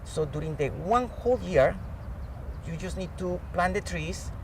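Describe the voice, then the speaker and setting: A Colombian professor who specializes in climate change talks a little slowly in a high, expressive voice, explaining with earnest animation as an interview guest. He's a native Spanish speaker with a Colombian accent. The recording was made outside on a distant mic, and traffic noise is clearly audible.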